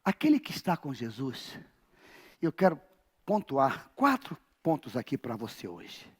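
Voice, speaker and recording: A male pastor from Brazil with a Rio de Janeiro accent, preaching a sermon in a large church, telling a story dramatically and swinging between shouts and near-whispers. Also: medium pitch, wildly swooping pitch, unhurried, husky. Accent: Rio de Janeiro Portuguese.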